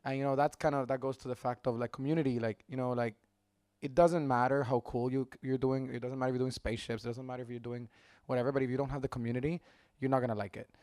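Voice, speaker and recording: A man's voice: medium pitch, little pitch movement, fast talker, a little mellow, no echo, clean studio sound. A man in his thirties from El Salvador, an engineer and mentor speaking on a conference panel, rambling and enthusiastic. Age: 30s. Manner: rambling and enthusiastic, many restarts and "like"s.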